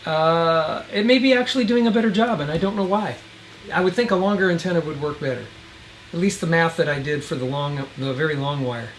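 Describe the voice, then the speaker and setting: A fairly quick, higher-pitched man rambles in a folksy way through a hands-on gadget demo outdoors, wind blowing around him. He's a radio reviewer and video host, captured on a low-quality recording.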